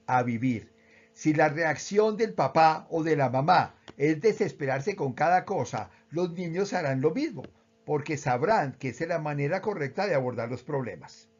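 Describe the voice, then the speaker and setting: A man with a Colombian accent, calmly explaining how emotions work with everyday examples. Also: fairly high pitch, breathy edge, muffled recording. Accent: Colombian Spanish. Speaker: speaker on emotional education. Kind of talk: explanatory talk.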